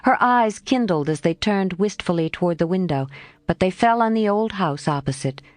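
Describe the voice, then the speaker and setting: Woman narrator, lowish, very animated reading, dry close mic. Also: normal speed, dry recording. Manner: expressive storytelling. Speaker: audiobook narrator. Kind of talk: scripted narration.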